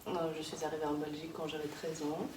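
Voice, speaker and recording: Woman, 30s, from Kazakhstan, lowish voice, casual interviewee who hesitates a lot, recorded far from the mic. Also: monotone, fast. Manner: hesitant, many fillers and restarts. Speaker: interviewee, early childhood worker. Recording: echoey room, distant mic, background noise.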